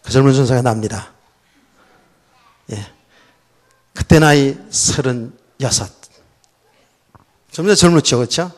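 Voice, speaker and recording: A middle-aged man, a pastor, telling a personal story in a sermon, swinging between loud outbursts and soft, low asides. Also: expressive, unhurried, pauses often. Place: church sanctuary.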